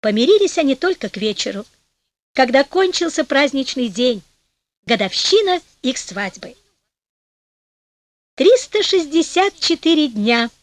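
Expressive woman reading a fairy tale. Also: a little high, dry recording. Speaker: narrator. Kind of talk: storybook reading.

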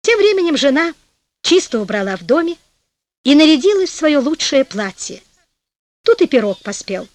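Female storybook narrator, expressive and sing-song, dry studio sound. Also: high-pitched, moderate pace, pauses often, dry recording. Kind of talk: storybook reading.

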